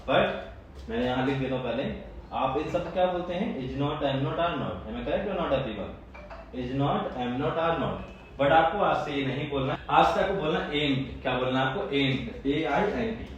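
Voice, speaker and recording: A man's voice: a little high, a little hiss or hum. A man teaching an English grammar lesson with an Indian English accent, often repeating phrases and quizzing his students. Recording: distant, echoey, dull room audio.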